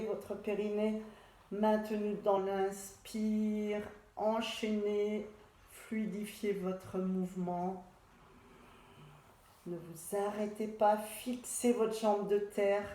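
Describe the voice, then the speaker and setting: A woman leading a pilates class, calmly cueing each movement and breath step by step. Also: mid-range voice, slow. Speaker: pilates instructor. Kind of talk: guided exercise class instruction. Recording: echoey room.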